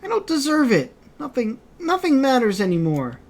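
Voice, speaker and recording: Sad little orphan girl a woman voices, high, tearful, soft music behind. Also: huge pitch swings, normal speed, heavily acted. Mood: despairing. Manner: tearful, pleading.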